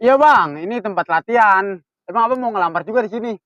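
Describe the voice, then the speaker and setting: A man's voice: high-pitched, fast, fairly bright tone, no echo, muffled recording. A man with a Betawi Indonesian accent playing a cheeky, hapless village guard recruit in a comedy sketch. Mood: casual.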